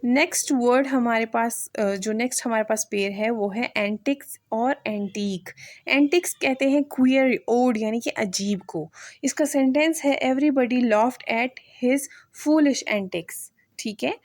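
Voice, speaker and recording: Lady teacher, kinda high voice, talks real slow and careful, dry close mic. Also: dry recording. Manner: slow, deliberate, reads example sentences even more slowly; repeats "theek hai" to check understanding. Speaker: English teacher. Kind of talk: recorded vocabulary lecture.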